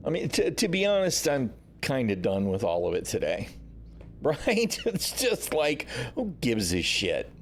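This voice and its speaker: A man talks straight to his livestream audience in a loose, unscripted rant. He is sarcastic and exasperated and swears freely. His voice sits at an ordinary middle pitch. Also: huge pitch swings, a little slow, slight background noise. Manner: frustrated, sarcastic, swears often. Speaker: livestream host. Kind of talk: casual gaming livestream rant.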